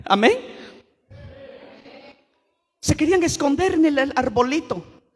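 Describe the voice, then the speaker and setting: A male pastor delivering a sermon, breaking into sudden shouts for emphasis. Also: extremely high pitch, animated, slow pace, long reverb tail.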